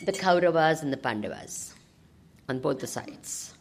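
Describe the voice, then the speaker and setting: A woman spiritual teacher with a South Indian accent speaks in a husky, creaky voice. Her delivery is unhurried but animated, with wide swings in pitch as she takes her class through scripture and checks in with questions. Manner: animated, prompts listeners with questions. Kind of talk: informal scripture discourse to a class, with Sanskrit verses.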